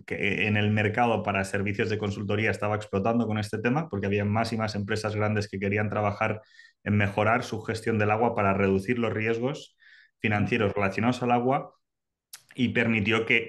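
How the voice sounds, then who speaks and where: Low-voiced man explaining. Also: a bit bright. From Barcelona, Spain. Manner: measured, explanatory, with "eh" fillers. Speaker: guest consultant. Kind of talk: expert explanation.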